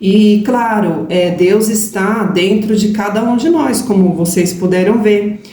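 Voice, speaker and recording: A woman with a mellow, darker voice calmly explains spiritual ideas to her audience, often turning to them directly. The sound is roomy, with a faint hiss behind it. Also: medium pitch, a little slow. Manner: calm, affirming explanations with "gente" and "né?". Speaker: spiritual channel co-host. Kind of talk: casual spiritual talk.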